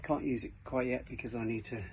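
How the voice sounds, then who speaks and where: A fast-talking man with a steady, medium-pitched, darkish voice presents a hands-on DIY walkthrough for a boat fitting shop's how-to videos, aboard a small cabin motorboat. Now and again he hesitates, searching for words as he works. The camera sound is dull and lo-fi, with faint noise.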